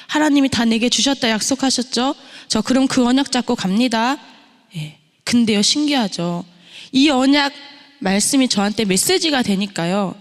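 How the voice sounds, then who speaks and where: A middle-aged woman preaching a testimony sermon in a church, telling her story and posing rhetorical questions to the congregation. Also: fairly high pitch. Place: church sanctuary. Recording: long reverb of a church hall.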